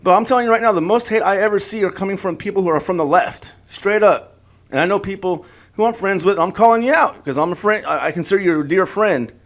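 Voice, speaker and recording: A political vlogger with a high-pitched, fast voice rants in a heated, sarcastic opinion video. He mocks the voices of people he disagrees with, frequently stumbling, repeating words and restarting.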